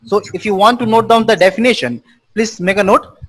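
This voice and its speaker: A male networking instructor quizzes students during a live online lesson, defining terms simply and repeatedly. He talks fairly quickly in a high, somewhat bright voice that has a breathy edge.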